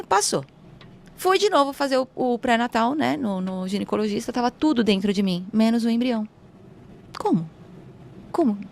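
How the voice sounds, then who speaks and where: A woman telling a personal story in casual chat, acting out the voices of the people in it. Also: fairly high pitch. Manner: animated, acts out quoted dialogue.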